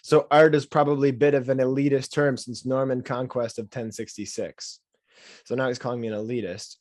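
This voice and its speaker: A man's voice: medium pitch, steady tone, a little fast, a little mellow, no room sound, studio quality. A man co-hosting a casual podcast, reading a listener's email aloud and breaking in with sarcastic asides. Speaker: podcast co-host.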